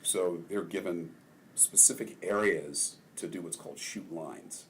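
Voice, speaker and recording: This low-pitched older man, a ward councilman from Maryland, speaks a little slowly while telling easygoing stories and laughing frequently during a casual interview. A faint hiss or hum sits under the recording.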